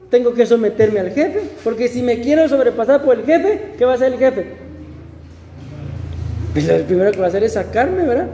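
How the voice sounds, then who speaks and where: Man, pastor, sermon, conversational and jokey, rhetorical questions, mellow tone, roomy hall reverb. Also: very high-pitched, a little hiss or hum. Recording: roomy hall reverb, faint background ambience.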